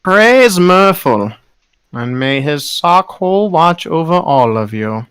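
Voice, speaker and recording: A man voicing a pompous high priest who proclaims slowly to a crowd. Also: very animated, a bit bright, clear, resonant tone, no room sound, heavily acted. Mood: booming, gloating. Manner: grandiose, slow proclaiming.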